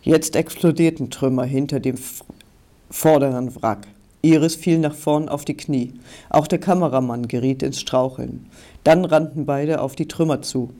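A man reading a story aloud as an audiobook narrator in a steady, even manner. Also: mid-range voice, normal speed. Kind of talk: scripted narration.

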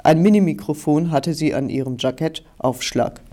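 A man narrates a story in steady, scripted audiobook style. His voice sits a bit higher than most men's, with a mellow, soft-edged tone. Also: moderate pace.

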